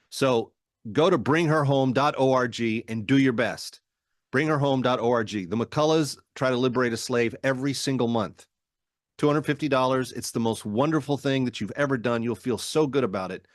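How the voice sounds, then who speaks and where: A man's voice: medium pitch, dry recording, studio quality. A middle-aged American man hosting a talk show, speaking in emphatic monologue and repeating phrases in short punchy statements. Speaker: radio talk show host. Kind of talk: political monologue and promotional appeals.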